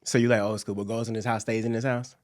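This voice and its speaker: A man's voice: fairly low pitch, fast talker. A man co-hosting a casual podcast, telling stories dramatically with lots of laughing. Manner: animated, dramatic storytelling with laughs. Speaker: podcast co-host.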